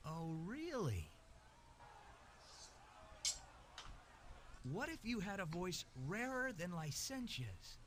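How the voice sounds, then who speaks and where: An actor voicing an earnest young male hero in an adventure game, polite but quick to get fired up. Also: high voice, huge pitch swings, background noise, full character voice. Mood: bargaining. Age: young adult. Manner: polite, then fired-up and listing insults. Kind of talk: game voice acting.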